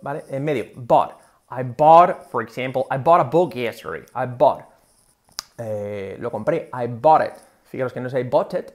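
A man giving a casual video lesson on English pronunciation, explaining with many fillers and modelling English words. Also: mid-range voice. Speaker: English teacher.

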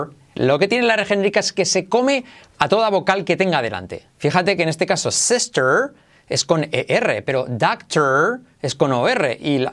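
Man teaching, drilling words slowly. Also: a little high. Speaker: English pronunciation teacher. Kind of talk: video lesson.

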